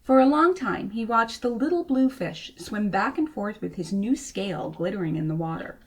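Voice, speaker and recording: A woman reading to children as a storyteller, with expressive narration. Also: medium pitch, normal speed, slightly rough. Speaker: storybook reader.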